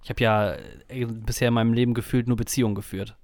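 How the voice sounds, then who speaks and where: A man's voice: mid-range voice, flat delivery, quick pace, a little mellow, dry recording, clean studio sound. A man from Germany telling stories in a casual podcast chat, rambling with many fillers and restarts. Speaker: podcast co-host.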